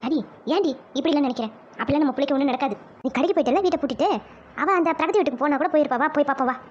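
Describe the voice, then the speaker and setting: Brisk soothing village auntie, voiced by a woman, cartoon drama, high and quick. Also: muffled recording, natural voice. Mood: reassuring. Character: calm older village woman, a motherly neighbour. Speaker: cartoon voice actor.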